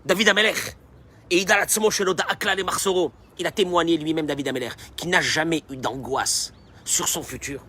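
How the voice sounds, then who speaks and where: A man giving a sermon as a rabbi, animated and emphatic and speaking straight to his listeners. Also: on the high side, a little fast.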